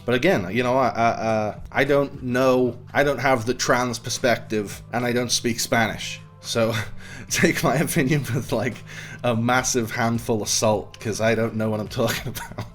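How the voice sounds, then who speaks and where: A man's voice: medium pitch, steady tone, normal speed, faint music behind. A young man chatting casually through film reviews, rambling with fillers and little laughs.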